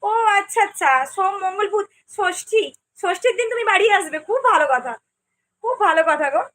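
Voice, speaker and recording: A woman's voice: very high-pitched, animated, fairly quick, fairly bright tone, a little hiss or hum. A young woman from Medinipur who hosts a cooking channel, chatting casually on a livestream, reading out viewer comments and answering each viewer by name. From Medinipur, West Bengal, India.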